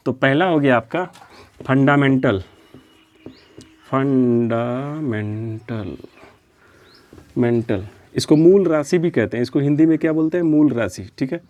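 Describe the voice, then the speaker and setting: A man's voice: a little high, a little fast, highs cut off. A man teaching a physics lesson in a lecture style, asking questions and answering them himself, repeating key terms as a drill. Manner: steady, explanatory, drills terms.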